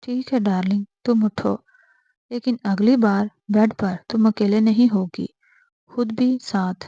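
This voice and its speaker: A woman reads the part of a stern, domineering young husband who barks orders and will not take no for an answer. The voice is mellow and dark underneath the raised tone. The recording is dry and a little dull, like a lo-fi home mic. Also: high voice, gravelly, no room sound. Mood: stern commanding. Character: bossy protective young husband, stern and commanding.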